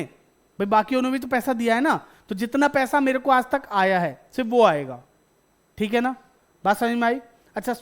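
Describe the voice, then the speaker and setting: Male teacher drilling students with questions. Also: very high voice. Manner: repeats questions and answers them himself; addresses students as beta. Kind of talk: classroom lecture.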